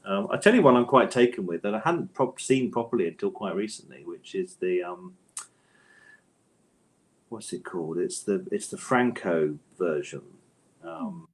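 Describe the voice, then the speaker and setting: In a casual literary interview, a male author guest speaks animatedly at a moderate pace in a lowish voice. He feels his way through ideas hesitantly, drifting into digressions and phrasing things thoughtfully with repeated tag questions.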